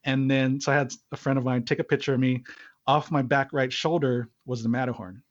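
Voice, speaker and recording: A man from Hawaii, a guest on a podcast, telling a long story with restarts and little chuckles. His voice sits at a middle pitch. It comes over a remote call with muffled, lo-fi sound. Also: steady tone, brisk. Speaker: podcast guest, marriage and business consultant. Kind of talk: conversational storytelling.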